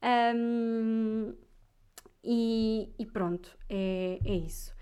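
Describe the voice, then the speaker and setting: A woman's voice: a little high, steady tone, drawn-out words, dark tone, clear, resonant tone. A young woman from Viseu with a European Portuguese accent, ranting animatedly and casually to her viewers, full of little fillers. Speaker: vlogger. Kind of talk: casual chat.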